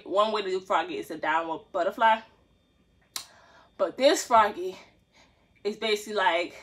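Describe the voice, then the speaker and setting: Filmed on a phone resting on the floor, a woman in her 20s who vlogs about dance talks casually to camera while stretching in a small room. She's chatty and jokey, laughing a lot and using slang, and her medium-pitched voice is a bit bright.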